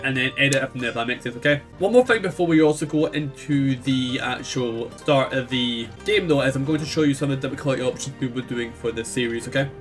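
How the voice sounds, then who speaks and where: A man with a thick Scottish accent, chatting casually through a game he plays, rambling with lots of fillers. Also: mid-range voice. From Scotland. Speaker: gaming YouTuber. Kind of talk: casual let's play commentary. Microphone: echoey home mic. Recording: slightly echoey mic, faint game music.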